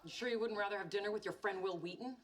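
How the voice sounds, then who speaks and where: A woman's voice: medium pitch, rapid-fire, background noise, lightly acted. An actress playing a bossy, touchy girlfriend directing an amateur show in a sitcom, blunt and critical. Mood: offended. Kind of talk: sitcom acting.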